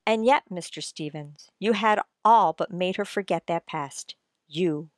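A woman playing a shrewd writer-sleuth who explains things theatrically and deliberately in an old-time radio mystery. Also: lowish voice, no room sound, clean studio sound, close to an everyday voice. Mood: knowing, suave.

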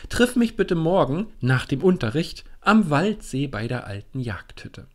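A man voicing a mysterious teenage girl in a storybook reading, calm and secretive. Her lines come soft and hushed, with a lively rise and fall. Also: fairly high pitch, a little slow.

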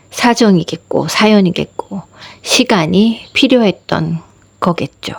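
A woman, a wife and mother, tells a personal story in a calm, reflective way. Her voice is soft and earnest, at a middling pitch, and now and then it sinks into a breathy whisper. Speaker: vlogger sharing a personal meditation story.

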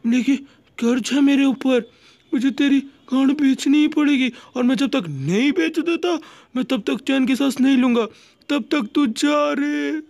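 A man's voice: very high-pitched, a little slow, vocal fry, a little mellow, no echo, exaggerated voice. A man voicing a crude, sentimental father who must part with his son, overplaying the sorrow in a comic fan dub. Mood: mock-tearful. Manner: melodramatic, crude, mock-tearful.

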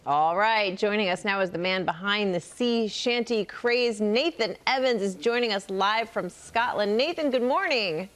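A woman hosting a live morning TV show, asking questions in a brisk, friendly way. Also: mid-range voice. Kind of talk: live TV interview.

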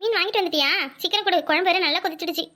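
A woman voicing a meek young daughter-in-law in a cartoon, with a Kanyakumari Tamil accent and a soft, pleading way of talking. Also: extremely high pitch, rapid-fire. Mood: defensive. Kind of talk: cartoon voice acting.

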